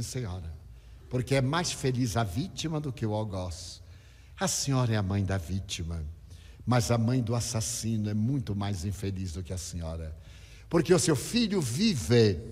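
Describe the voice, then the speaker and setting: A man tells a story to his listeners in an everyday middle-pitched voice. He acts out the people he quotes, rising and falling in pitch and loudness. His voice rings in a hall with a long reverb tail. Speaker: spiritist speaker. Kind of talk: storytelling lecture.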